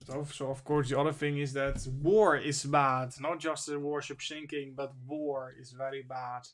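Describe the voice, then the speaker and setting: A man's voice: mid-range voice, little pitch movement, moderate pace. A man hosting a casual livestream, reading news and chat aloud in a wandering, informal way, sniffly from allergies. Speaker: stream host.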